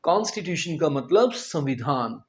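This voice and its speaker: A man's voice: a little high, lively intonation, normal speed. A male teacher giving a vocabulary lesson, spelling each word letter by letter, explaining it in simple terms and putting questions to his students. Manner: addresses the students directly with questions.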